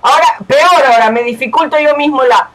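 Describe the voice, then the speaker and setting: A young man hosting a gaming channel, talking casually and excitably over his game, swearing and yelling at the screen. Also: very high voice, a little fast, heavy background noise.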